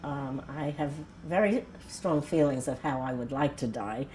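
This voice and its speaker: In her 80s and from Brooklyn, New York, this retired nurse and death cafe organizer speaks in a bass voice at a moderate pace, her tone darkish. She talks frankly, plainly and reflectively at home for a documentary interview. A little hiss or hum sits under the recording.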